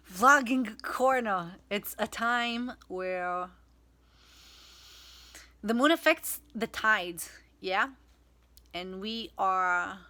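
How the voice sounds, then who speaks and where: A woman whose first language is Hebrew speaks in a casual spiritual vlog. She talks slowly, with a bright, clear tone. She often pauses, adds fillers and restarts while she searches for the right English word. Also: fairly low pitch. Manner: slow, searching for words, many fillers and restarts. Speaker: vlogger.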